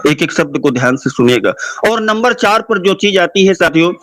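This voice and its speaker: A man's voice: high voice, expressive, brisk, a bit bright, dry recording. A man giving an impassioned motivational speech to listeners, repeating his points and exhorting them. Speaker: motivational speaker.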